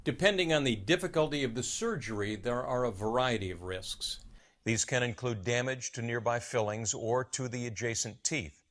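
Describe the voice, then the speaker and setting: A man plays a middle-aged oral surgeon in an educational video. He explains in a calm, formal, measured way, as scripted narration at an average male pitch. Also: natural voice. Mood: measured, explanatory. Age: 50s.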